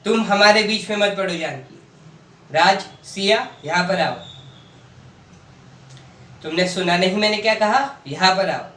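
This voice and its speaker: A stern father of two scolds his children in a student drama, played by a man. His voice sits high and he speaks with a firm, scolding edge. The sound is roomy and distant, with faint background noise. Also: unhurried, pauses often, a bit bright. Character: strict middle-aged father of two. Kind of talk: amateur student drama acting.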